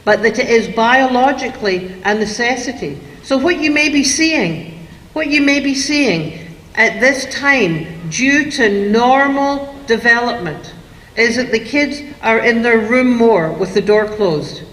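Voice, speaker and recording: A woman giving a lively lecture to parents on raising teenagers. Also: a little high, a little slow. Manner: lively, acts out parents and kids in quotes. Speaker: speaker on teen parenting. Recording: echoey hall, long reverb.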